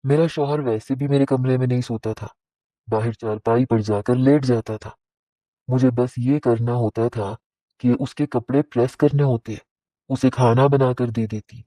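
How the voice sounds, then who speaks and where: Mellow-voiced male storyteller. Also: mid-range voice, steady tone, no echo, poor audio. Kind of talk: first-person story narration.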